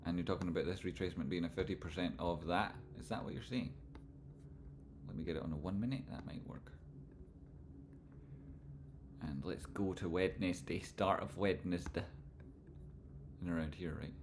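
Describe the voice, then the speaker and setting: A man with a broad Scottish accent hosting a livestream, talking informally and loosely, not always crisply enunciated, as he comments on charts and chats with viewers. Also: sits low, steady tone, a little fast, noisy background. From Scotland. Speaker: livestream host and trading analyst. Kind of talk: live chart commentary and casual chat with viewers.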